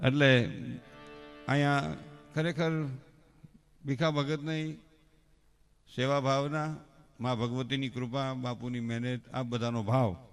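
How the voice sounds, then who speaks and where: A man's voice: mid-range voice, flat delivery, slow pace, pauses often, smooth, soft background music. A middle-aged man with a Kathiawadi Gujarati accent telling folksy comic stories on stage at a religious festival, speaking into a stage microphone and acting out the villagers he quotes. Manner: folksy, addresses the crowd as elders, acts out quoted villagers. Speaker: folk stage performer and joke-teller. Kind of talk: live stage comedy storytelling. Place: religious festival pavilion before a crowd. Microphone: stage microphone on a stand.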